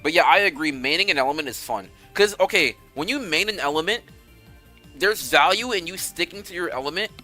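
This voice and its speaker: A young man chatting casually with his viewers on a game stream, animated and rambling, swearing freely. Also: fairly high pitch, fairly quick, soft background music.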